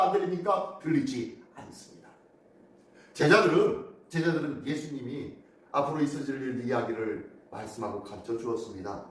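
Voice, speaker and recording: Animated pastor preaching in an echoey hall. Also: male voice, fairly high pitch. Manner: animated, asks the congregation questions. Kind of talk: dawn sermon. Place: church sanctuary. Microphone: phone camera from a distance. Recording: echoey room from far off.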